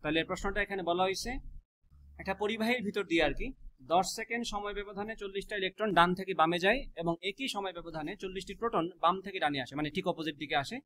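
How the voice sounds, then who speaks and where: A man teaches a physics class, quizzing students with quick rhetorical questions and mixing English math terms into his speech. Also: high voice, fairly bright tone. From Bangladesh.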